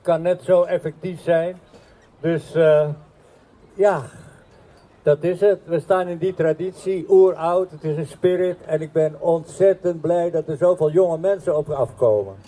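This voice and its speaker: Dark-toned man answering with hesitations. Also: on the high side, measured pace. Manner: hesitant, many fillers. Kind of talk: casual interview answer.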